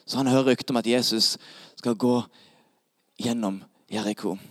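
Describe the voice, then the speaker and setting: A man preaching a sermon, retelling a story in a lively, playful way to a gathered audience. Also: medium pitch, dry recording, studio quality.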